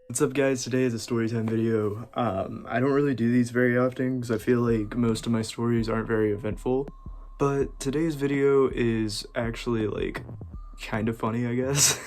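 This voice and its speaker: A man's voice: mid-range voice, steady tone, moderate pace, a little mellow, a little hiss or hum. A young man telling a casual storytime in a laid-back way, often laughing between lines. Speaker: vlogger.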